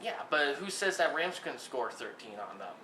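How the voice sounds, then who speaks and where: A young man arguing on a mock sports talk show, often repeating his words as he builds each point. His voice is bright and fairly high. The echoey room adds a faint hiss behind him. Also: big pitch swings, normal speed. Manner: argumentative, repeats himself when starting a point. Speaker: co-host.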